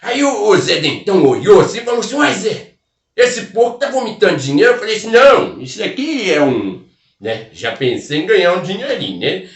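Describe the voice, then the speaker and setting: High-pitched and brisk, his voice swinging widely in pitch, a man takes on the role of a Minas Gerais country storyteller spinning a comic tale laced with caipira interjections and asides. The mic is distant, leaving a roomy sound.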